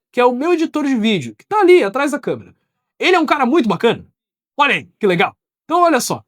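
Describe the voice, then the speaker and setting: A woman with a Brazilian Portuguese accent, recording an online English lesson. She explains patiently in simple steps and says the English examples slowly and clearly. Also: sits high, no echo, clean studio sound. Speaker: English teacher. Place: video recording with an editor behind the camera.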